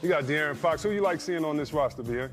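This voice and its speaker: A man's voice: on the high side, expressive, fast talker, over music. A man hosting a sports talk show, joking and teasing his co-hosts and laughing often. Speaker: studio host. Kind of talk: casual sports chat.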